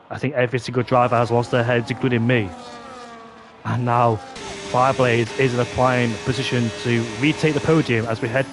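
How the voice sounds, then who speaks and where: A man with a medium-pitched voice commentates on sim motorsport. He calls the action play-by-play in an excitable manner, exclaiming at what he sees. Racing game engine noise is heard faintly but clearly behind him.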